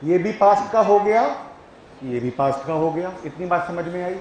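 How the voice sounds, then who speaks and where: High-voiced man teaching in an echoey room. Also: animated, normal speed, a little mellow. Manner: keeps checking if students follow, coaxing. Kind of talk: classroom lecture on English grammar.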